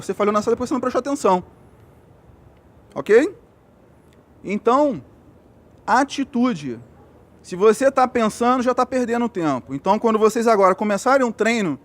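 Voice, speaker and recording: A Brazilian man speaks to a group of young athletes in a motivational talk, earnest and insistent. His voice sits high for a man, and he keeps returning to the same points while checking that his listeners follow him. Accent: Brazilian Portuguese. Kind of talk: motivational speech.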